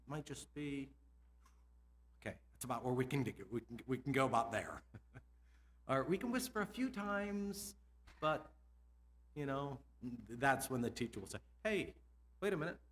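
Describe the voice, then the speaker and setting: Addressing a room of teachers, a middle-aged man from the United States who works as a school administrator keeps his conference talk lively. His voice sits in the mid-range, and he poses questions and laughs as he moves from point to point.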